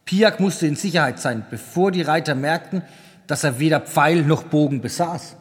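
A man reading a story aloud as the narrator, in slow, even storytelling. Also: a little high, long reverb tail. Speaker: audiobook narrator. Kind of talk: scripted narration.

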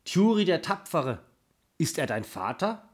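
Eager teenage boy, male reader, plain storybook reading, slightly high pitch. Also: sing-song, a little slow. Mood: curious.

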